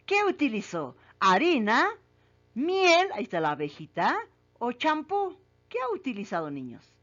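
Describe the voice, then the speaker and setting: A woman teacher with a somewhat high, fairly bright voice quizzes children on a story they've read. She asks each question, repeats it, and then confirms the right answer. The recording is muffled and lo-fi.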